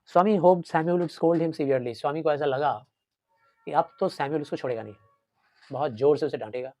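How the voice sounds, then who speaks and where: A man's voice: fairly high pitch, moderate pace, a little mellow, no room sound, soft background music. Man teaching a story, dry close sound. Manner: explains line by line, repeats and asks questions. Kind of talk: story lesson mixing Hindi and English.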